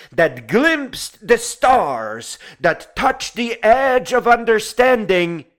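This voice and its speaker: A man with a high, fairly bright voice gives a dramatized speech in a grand, solemn, theatrical style, with music playing behind him. It's scripted monologue and staged oratory.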